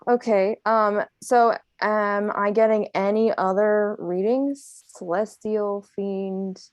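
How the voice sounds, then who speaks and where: A woman's voice: mid-range voice, fairly even intonation, no echo, muffled recording. A woman playing in a tabletop game, chatting casually and rephrasing as she thinks. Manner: halting, rephrasing as she goes. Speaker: player.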